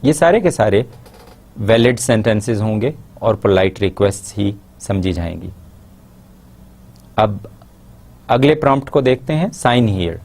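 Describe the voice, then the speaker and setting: A man with a Pakistani accent giving a lecture in Urdu, pausing to read out English example sentences slowly and carefully. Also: fairly low pitch, animated, darkish tone. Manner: explains in Urdu, models English phrases slowly and deliberately. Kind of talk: classroom lecture.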